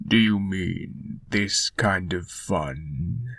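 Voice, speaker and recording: A man doing a slow gravelly shark villain. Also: low-pitched, fairly bright tone, no echo, clean studio sound, voice pushed down, full character voice. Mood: menacing. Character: scheming male shark villain, gruff.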